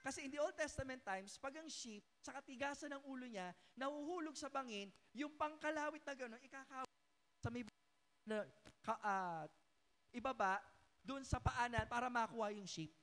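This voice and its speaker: Filipino-accented woman pastor, animated preaching. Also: high voice, moderate pace. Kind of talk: sermon. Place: church.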